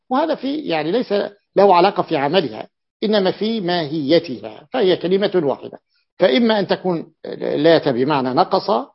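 A man teaching a classical grammar lesson as a sheikh, deliberate and repeating key words, with an "ah" between points. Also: a little high, creaky. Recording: muffled lo-fi recording.

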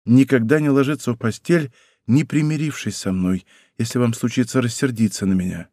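A man voicing a fragile, despairing young woman in an audiobook, speaking softly and pleadingly, close on a studio mic. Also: mid-range voice, brisk, no echo, natural voice. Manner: soft, hushed, pleading. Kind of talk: audiobook character voice.

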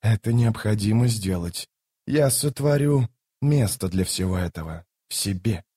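A man voicing a grave, sorrowful elder god in an audiobook, speaking slowly and solemnly. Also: animated, dark tone, breathy edge, dry recording, clean studio sound. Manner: slow, low and solemn. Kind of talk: audiobook character voice.

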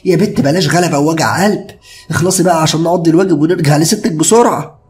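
A man's voice: on the high side, steady tone, racing, pitched above the performer's own voice, close to an everyday voice. A man with an Egyptian accent voicing a stern, anxious middle-aged village mother who scolds her daughter. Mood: scolding. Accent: Egyptian Arabic. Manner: scolding, impatient.

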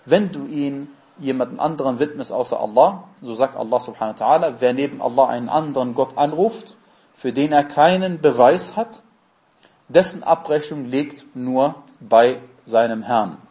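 A man's voice: mid-range voice, normal speed, dark tone. A man giving a religious lesson, explaining terms step by step and answering his own questions. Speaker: Islamic teacher.

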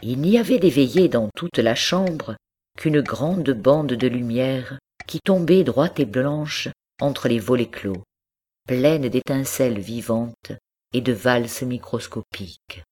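A woman reading a classic story aloud as an audiobook narrator, in a measured, descriptive way. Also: a bass voice, a little mellow, husky. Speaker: audiobook reader. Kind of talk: scripted narration.

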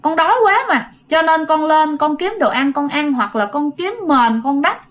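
Woman putting on a little ghost girl, whiny and childish, very high-pitched, spooky storybook tale. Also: moderate pace, fairly bright tone. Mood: sulky pleading. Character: ghost of a sulky crying girl under ten.

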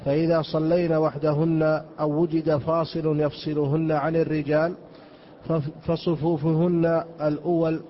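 Man reading a text in a flat voice. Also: fairly high pitch, moderate pace. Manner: steady, formal reading. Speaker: student reading the text aloud. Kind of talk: reading aloud in a religious lesson. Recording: muffled lo-fi lecture recording.

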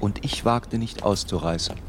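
Low calm guy narrating a radio play, first person, serious, slight bg noise. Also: moderate pace.

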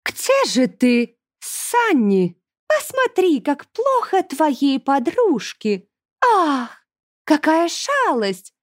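Cruel female demon, shrill and high, slow drawn-out taunts, mocking, storybook villain. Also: no echo, clean studio sound, exaggerated voice.

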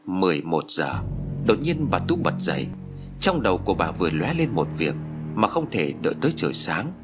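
A man's voice: low voice, very animated, moderate pace, music in the background. A man narrating a spooky audiobook with dramatic storytelling.

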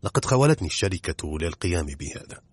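A man's voice: low voice, big pitch swings, quick pace, husky, dry recording, heavily acted. A man playing a polite, shrewd detective. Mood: courteous. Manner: courteous, coaxing. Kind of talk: audiobook drama reading.

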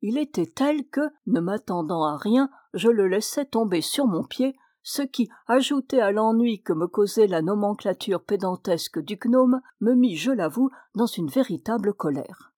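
A woman reads a classic tale aloud, expressive and measured. Her voice sits in a middle register, recorded dry and close with no room sound. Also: medium pitch, no room sound. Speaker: reader. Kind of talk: audiobook narration.

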